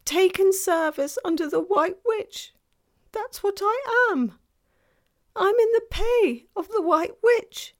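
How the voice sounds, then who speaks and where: A woman voicing a gentle, guilt-ridden male fawn in an anguished, self-reproaching, melodramatic way for a children's storybook. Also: very high-pitched, expressive, takes it slowly, pitched above the performer's own voice, full character voice. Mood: ashamed, wailing. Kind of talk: dramatized children's storybook reading.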